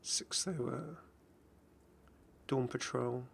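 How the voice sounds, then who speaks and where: Drawing out his words with vocal fry, a man in a mid-range voice gives a loose, unscripted gaming YouTuber commentary and channel update, rambling as he goes. A little hiss or hum is audible.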